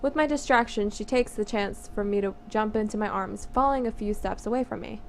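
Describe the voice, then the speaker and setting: A nineteen-year-old woman plays through a visual novel, reading the script aloud with a giggly, playful, chatty manner and getting easily sidetracked by casual asides. Her voice is medium in pitch and a little fast, captured in a noisy home recording.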